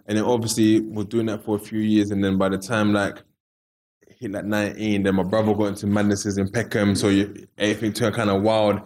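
Low-voiced London roadman telling stories. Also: little pitch movement, brisk, darkish tone. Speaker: interview guest. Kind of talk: casual storytelling in street slang.

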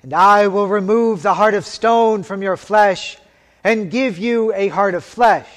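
High-voiced man intoning in cathedral echo. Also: a bit bright. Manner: solemn, measured intoning. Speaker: liturgical officiant. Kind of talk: slow intoned liturgy and scripture reading. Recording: long church reverb.

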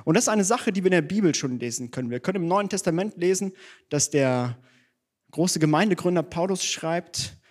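A man's voice: sits high, lively intonation, brisk. A man preaching a sermon in church, conversational and self-deprecating, mixing teaching with personal stories.

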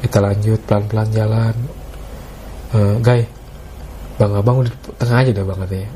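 A man's voice: lowish voice, steady tone, a little fast, dark tone, a little hiss or hum. A man casually telling a story to a host, retelling the dialogue and often calling the listener "Bang.". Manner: Jakarta slang.

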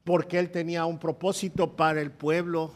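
High-voiced preacher. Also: male voice, little pitch movement, normal speed. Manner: asks the congregation direct questions; reads scripture aloud with rising force. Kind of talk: sermon.

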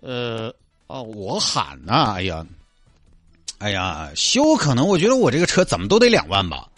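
Man as a wary driver, hesitant and doubtful, low subdued voice. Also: wildly swooping pitch, normal speed, a bit bright, no room sound, faint music behind, exaggerated voice. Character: wary, cautious male Nissan driver. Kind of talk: comedy skit.

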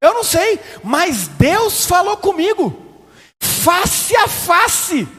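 A man mimicking a self-important churchwoman who claims visions from God, in a shrill, pompous, preachy voice. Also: very animated, slow, fairly bright tone, exaggerated voice. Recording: echoey hall.

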